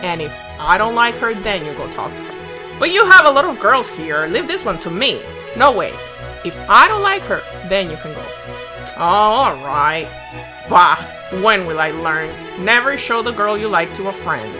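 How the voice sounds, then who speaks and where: Woman as a lively young storybook prince. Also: mid-range voice, moderate pace, close to an everyday voice. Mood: bantering. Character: young royal gentleman at a ball, playful. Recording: music behind the voice.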